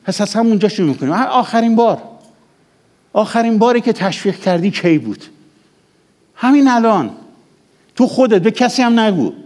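A middle-aged male pastor preaching a sermon, swinging from raised exhortation to hushed, intimate passages. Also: sits high, very animated, long pauses.

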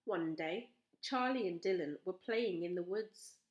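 A woman reading a children's storybook aloud, slowly and with expression. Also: on the low side. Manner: slow, expressive. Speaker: storybook reader. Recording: roomy echo.

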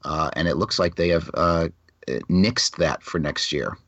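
A man's voice: deep voice, unhurried, fairly bright tone, dry recording. An American man co-hosting a podcast, explaining things casually and wordily, with repeated phrases. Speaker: podcast co-host. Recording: dull lo-fi, dry close audio.

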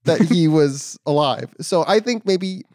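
A man's voice: a little high, expressive, measured pace, a little mellow, dry recording, clean studio sound. A male podcast co-host in casual chat, wry and questioning as he reasons things out aloud.

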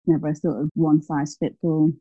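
A woman's voice: low voice, flat delivery, moderate pace, mellow, breathy edge, no room sound. A woman in her thirties, a teacher speaking casually as an interview guest, chatty with many fillers and self-corrections. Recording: dull, dry lo-fi sound.

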